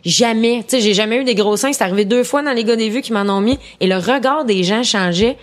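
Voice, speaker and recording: A woman's voice: on the high side, fast. A woman in her thirties with a Québécois French accent, a podcast guest who chats casually, tells stories with animation and laughs often. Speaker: guest comedian.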